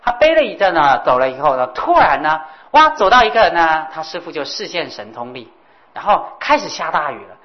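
A woman telling a Buddhist story in an animated way, with exclamations and sound effects. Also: deep voice, fairly quick, highs cut off.

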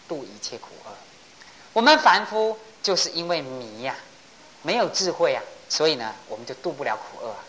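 Brief: low-voiced woman preacher, very expressive pitch, faint hiss. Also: rough recording. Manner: animated, rhetorical questions. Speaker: Buddhist dharma teacher. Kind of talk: sermon with storytelling.

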